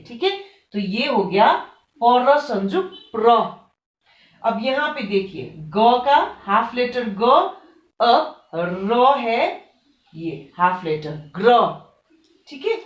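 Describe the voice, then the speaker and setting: Slow, patient woman teaching children. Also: medium pitch. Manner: slow, patient, checking in with "ठीक है?". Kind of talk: children's Hindi lesson. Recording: echoey room.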